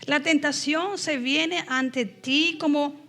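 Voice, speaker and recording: A middle-aged woman from Ecuador giving a lively personal testimony in a church sermon, acting out quoted voices as she tells the story. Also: high voice, moderate pace.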